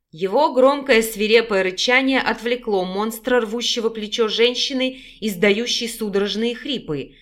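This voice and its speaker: A woman narrating an audiobook in a steady, even storytelling voice. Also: fairly high pitch. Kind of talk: scripted narration.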